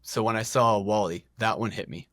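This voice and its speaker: Middle-aged guy on a podcast, lowish voice, rambly and self-deprecating, dry close mic. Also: fairly quick, fairly bright tone, no room sound. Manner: rambling, self-deprecating, frequent restarts and laughs. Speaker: podcast guest. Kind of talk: casual podcast conversation.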